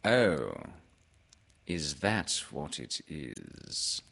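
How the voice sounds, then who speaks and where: A man voicing a pompous, self-important owl in a children's storybook, speaking in a deliberate, drawn-out manner. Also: a bass voice, sing-song, vocal fry, fairly bright tone, voice pushed down, full character voice. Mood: ponderous.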